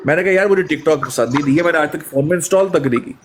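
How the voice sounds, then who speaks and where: A man recounts his experiences in a relaxed interview, slipping into other people's voices as he retells conversations. A faint hiss sits under the recording. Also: a little high, fast talker. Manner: animated storytelling, acting out quoted exchanges. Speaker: guest.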